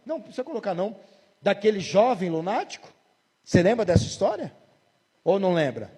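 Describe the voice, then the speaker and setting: A man's voice: sits high, big pitch swings, quick pace, darkish tone, breathy edge, in a large hall. A Brazilian man in his forties, a pastor preaching a sermon emphatically and asking the congregation rhetorical questions. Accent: Brazilian Portuguese. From Brazil, São Paulo state. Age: 40s.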